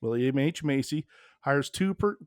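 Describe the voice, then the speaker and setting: A man's voice: medium pitch, expressive, measured pace, dry recording, clean studio sound. A man hosting a podcast in an easygoing casual chat. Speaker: podcast host.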